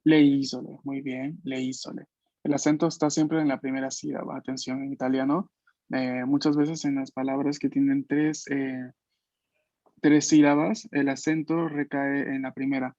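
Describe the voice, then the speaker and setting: A man's voice: mid-range voice, little pitch movement, moderate pace, a little mellow, dry recording, dull audio. A man teaching an online language class, explaining patiently and checking in with frequent questions. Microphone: video call.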